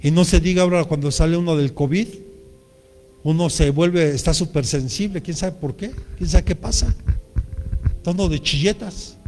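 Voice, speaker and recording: A man's voice: a little high, brisk, darkish tone, long reverb tail, faint music behind. A man with a Mexican accent preaching a sermon as pastor, speaking earnestly and addressing the congregation directly. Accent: Mexican Spanish.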